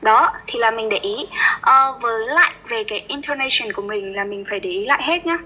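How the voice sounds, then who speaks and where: A woman tutoring English pronunciation one-on-one, patient and coaxing, modeling words slowly and repeating them. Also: on the high side, bright, forceful tone, breathy edge, rough recording.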